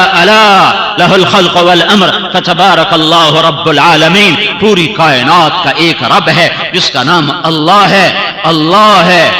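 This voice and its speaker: A man with a Pakistani accent preaching a sermon with impassioned repetition and chanted Arabic verses. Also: high voice. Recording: echoey hall with crowd behind.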